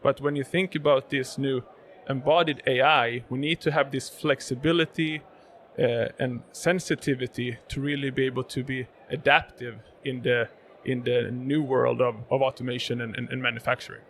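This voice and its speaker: Speaking at normal speed with fairly even intonation, a Swedish man with a medium-pitched, somewhat bright voice discusses robotics as an interview guest. Swedish is his native language, he's a robotics sales manager, and his conversational answers, full of fillers and repeated words, come from a live event podcast booth with slight background noise.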